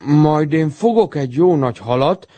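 A man's voice: a little high, animated, mellow, no echo. A man voicing a sturdy, big-hearted young male animal friend in a storybook, talking in a hearty, reassuring way.

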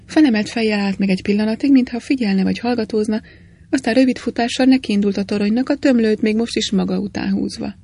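Husky woman reading a story aloud. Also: mid-range voice, mellow. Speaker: narrator.

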